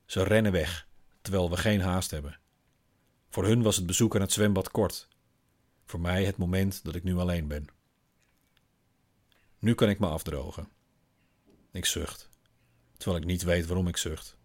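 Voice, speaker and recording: A man, a father, reading a first-person literary story in a calm, wry, observant manner. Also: low voice, normal speed, pauses often. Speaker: father and narrator.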